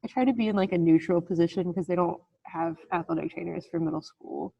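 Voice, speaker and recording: A woman's voice: lowish voice, quick pace, creaky, warm tone, husky, no room sound, dull audio. A woman working as an athletic trainer, chatting casually on a podcast and laughing as she tells stories.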